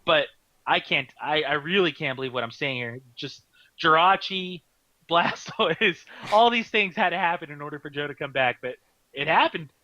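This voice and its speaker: A man doing live card game commentary, excitable, laughing often and restarting his sentences. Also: fairly high pitch, moderate pace, dry recording, muffled recording.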